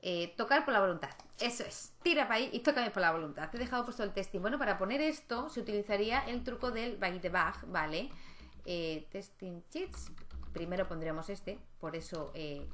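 A woman YouTuber narrates a let's-play in a relaxed, chatty way, addressing her game's characters and frequently asking viewers tag questions. Her voice is mid-range and a bit bright, delivered at a moderate pace.

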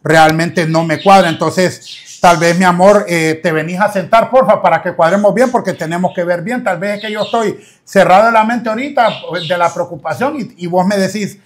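A man's voice: high voice, moderate pace. A man playing a fretful, talkative husband in a comic sketch. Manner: fretful, talkative, uses voseo.

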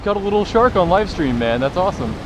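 A young man filming a fishing vlog on a beach, talking to viewers in a joking, excitable way. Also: sits high, fast. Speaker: fishing vlogger. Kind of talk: casual excited vlog commentary. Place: beach by the surf, outdoors. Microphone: action camera. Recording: wind and surf noise.

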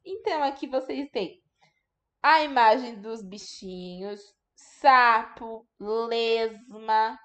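A woman's voice: a little high, expressive, a little slow. A woman teaching a remote lesson to young children, patiently sounding out words syllable by syllable. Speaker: primary school teacher.

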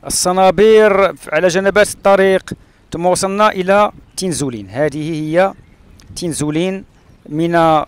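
A man from Morocco narrating his travels along a rural road and through a palm oasis, pausing often with "uh" fillers. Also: high voice, clean tone. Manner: hesitant, with frequent "uh" fillers and pauses. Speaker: travel vlogger.

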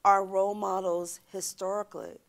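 A woman in her sixties appears as a guest in a church TV studio interview, seated on stage and wearing a lapel mic. Speaking in a mid-range voice at a moderate pace, she tells stories emphatically and animatedly, gesturing with her hands.

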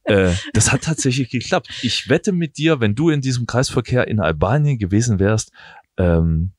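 A man's voice: medium pitch, moderate pace, no room sound. A man in his thirties telling anecdotes in a casual, colloquial way as a morning radio podcast host, speaking into a close handheld microphone. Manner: animated storytelling, colloquial. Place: small radio studio on a sofa, indoors. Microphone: handheld microphone held close.

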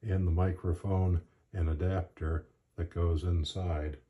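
A man giving a matter-of-fact, measured instructional narration as a presenter demonstrating gear. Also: low voice, flat delivery, phone-quality sound.

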